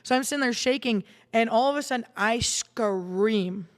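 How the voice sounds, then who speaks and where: Woman podcast guest, chatty and rambling, slightly high voice, long studio reverb. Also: normal speed. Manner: rambling, many restarts and fillers. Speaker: guest, salon owner and darts player. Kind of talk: casual storytelling chat.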